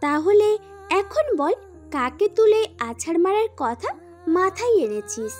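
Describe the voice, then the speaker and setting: A woman voicing a feisty, sharp-tongued young woman in an audio story drama, teasing and scolding. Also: very high voice, big pitch swings, unhurried, faint music behind, heavily acted.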